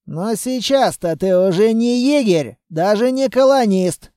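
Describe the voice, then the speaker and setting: Man as calm shrewd ranger, slow mellow delivery. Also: sits high, clear, resonant tone, no room sound, clean studio sound. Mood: persuasive. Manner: calm and persuasive. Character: cool, bluffing male ranger, steady and shrewd.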